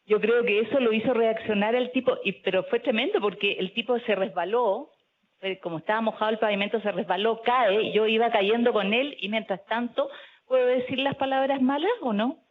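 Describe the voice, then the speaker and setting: A woman telling a personal story at a panel talk, animated and loud at times. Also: on the high side, a little fast. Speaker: speaker at a panel discussion. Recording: tinny phone-like audio.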